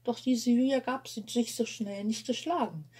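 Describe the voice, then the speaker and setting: A woman reading a novel aloud in a lively, expressive way. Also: on the high side, normal speed, husky. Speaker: audiobook reader.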